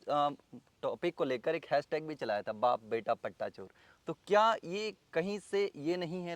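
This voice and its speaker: A man interviewing a local political figure, asking long, steady questions and giving frequent brief acknowledgments. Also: medium pitch, clean tone, dry recording. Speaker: interviewer, reporter.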